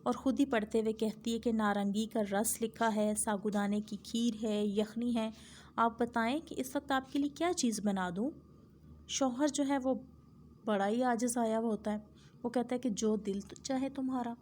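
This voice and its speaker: A woman's voice: fairly high pitch, steady tone, a little mellow, slight background noise. A woman teacher retelling a story for her class in an explanatory way, with frequent filler phrases.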